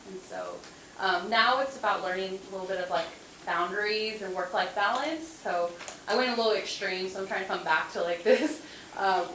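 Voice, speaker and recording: A woman answering on a career panel, candid and self-deprecating, with "um" fillers. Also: medium pitch. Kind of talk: panel answer, personal storytelling. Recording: distant mic, roomy echo, clear hiss.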